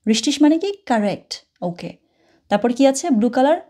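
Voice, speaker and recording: A woman's voice: high-pitched, very animated, normal speed, warm tone. A woman teaching a language lesson over a screen share, chatty, slipping into English phrases and repeating words after the audio.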